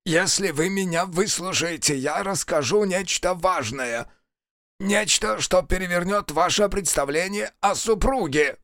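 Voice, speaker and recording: A man playing a cunning male ambassador in an audiobook, speaking in a hoarse, quiet, insinuating voice. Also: high-pitched, a little slow, no room sound, clean studio sound, pitched above the performer's own voice. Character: cunning male foreign ambassador, pinned and choking.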